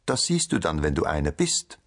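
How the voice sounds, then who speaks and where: A man's voice: extremely low pitch, sing-song, moderate pace, exaggerated voice. A man voicing a small, boastful magical nut that mutters spells in a storybook tale.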